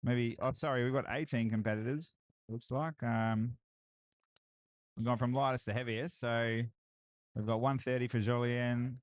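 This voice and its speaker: A man gives live, energetic commentary at a strongman competition, cheering each lift and chatting to the stream's viewers. His voice sits at an ordinary pitch and sounds dry and close, with little room around it. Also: normal speed, no echo. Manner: excitable hype, repeated cheers and laughs. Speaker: livestream commentator.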